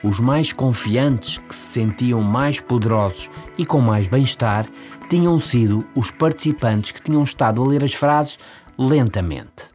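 A man with a European Portuguese accent, explaining ideas in a calm, measured way on a podcast. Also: mid-range voice, soft background music. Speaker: podcast author and guest commentator. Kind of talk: casual explanatory chat.

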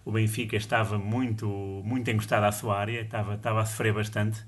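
A football pundit, a man with a European Portuguese accent. His voice is lowish and very flat in intonation. He builds his analysis hesitantly, repeating words as he goes. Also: fast talker. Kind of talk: football analysis in a panel talk.

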